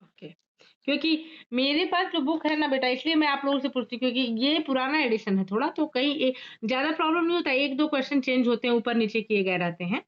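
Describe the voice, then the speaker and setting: A woman teacher giving a grammar lesson to pupils, repeating key points slowly and addressing the class directly. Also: sits high, lo-fi sound. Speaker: school teacher.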